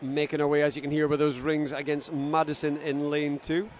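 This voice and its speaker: A Scottish man giving live sports commentary from ringside, getting excited as the action builds. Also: fairly high pitch, brisk, a little hiss or hum. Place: ringside at a busy event venue.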